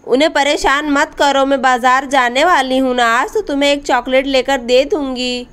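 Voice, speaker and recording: A woman voicing a kind young village daughter-in-law in a doll story, gentle and reassuring. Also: high-pitched, fairly even intonation, normal speed. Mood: caring.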